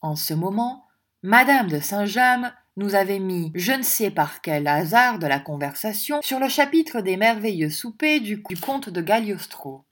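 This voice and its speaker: A woman reading a classic novel aloud as an audiobook narrator, composed and expressive with period prose. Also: medium pitch, unhurried.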